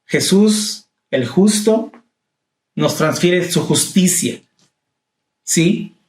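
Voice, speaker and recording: A man's voice: high voice, expressive, drawn-out words, reverberant. A man preaching a Bible study sermon, repeating key phrases with emphasis and calling the listener brother. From Latin America.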